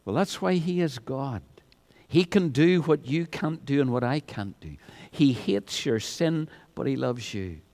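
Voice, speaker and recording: A man preaching an evangelistic sermon, often repeating words as he starts a phrase and rising to loud peaks. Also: mid-range voice, animated, measured pace.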